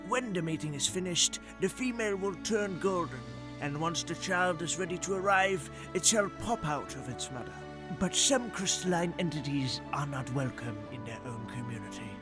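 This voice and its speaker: A man's voice: a little high, animated, over music, lightly acted. A man putting on a mock-solemn wildlife narrator. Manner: mock-solemn, slow, hushed. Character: hushed male nature-documentary narrator parody.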